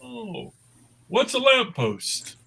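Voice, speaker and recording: A man voicing a cheerful, naive snowman who has come to life, with a raspy voice and innocent, exclaiming delivery, in a live cartoon script reading. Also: extremely high pitch, huge pitch swings, very slow, bright, forceful tone, exaggerated voice. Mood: innocently curious. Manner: wide-eyed, exclaiming, innocent.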